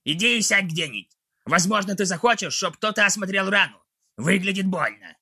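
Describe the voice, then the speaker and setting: A cruel, scheming goblin warlord. His voice sits high and shrill, with a tense, cutting edge and a gravelly, raspy grain. He barks and rants his orders. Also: lively intonation, fairly quick, sharp tone, heavily acted. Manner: barking, ranting orders.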